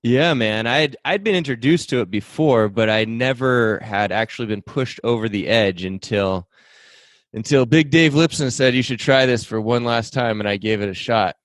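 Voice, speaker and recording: A man's voice: medium pitch, moderate pace, no room sound. A man hosting a podcast interview, upbeat and friendly, often saying "man". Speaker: podcast host.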